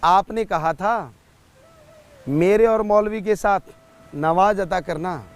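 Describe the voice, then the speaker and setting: A man telling a story voices a calm, smiling male saint who explains gently and patiently. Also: sits high, slow pace. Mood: explaining.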